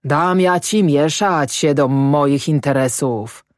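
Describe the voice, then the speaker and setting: A woman reading an audiobook and voicing a drunk, quarrelsome peasant man who blusters and shouts, in a dry, close sound. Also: low voice, slow pace, no room sound. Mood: blustering. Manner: blustering, shouting, fist-pounding.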